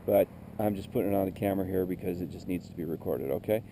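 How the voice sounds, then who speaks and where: A man's voice: deep voice, fast talker, dark tone, slight background noise. A middle-aged man on a motorcycle trip, talking candidly and wearily to his camera outdoors by a rural road, often stopping to correct himself. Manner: candid, weary, circling back to correct himself. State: emotionally worn out. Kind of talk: rambling roadside monologue to camera. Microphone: camera mic.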